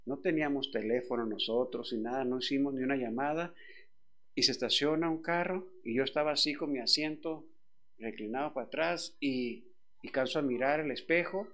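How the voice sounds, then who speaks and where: A middle-aged man, a pastor preaching a sermon and telling a personal story with big swings from hushed to loud. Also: mid-range voice, moderate pace.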